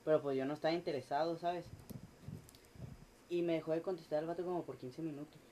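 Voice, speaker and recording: A man, a podcast guest telling a story in animated, slangy, swearing casual chat. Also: fairly high pitch, fast talker, a little hiss or hum.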